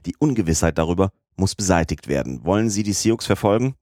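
A man reading a storybook, voicing a composed, clipped gentleman of few words. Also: low voice, fast talker, no echo, clean studio sound. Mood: resolute. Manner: calm, clipped and resolute.

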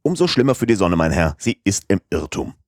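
A man voicing a talkative, excitable French manservant in an audiobook reading, his voice rising higher when he gets emphatic. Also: fairly quick, no echo, studio quality. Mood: chatty. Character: chatty, excitable French manservant, stubborn and proud. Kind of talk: audiobook character voice.

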